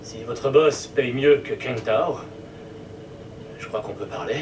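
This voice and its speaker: A man's voice: medium pitch, unhurried, natural voice. A man voicing a wary, businesslike male scientist in a French game dub. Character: nervous male scientist, bioware inventor. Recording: distant game audio with noise.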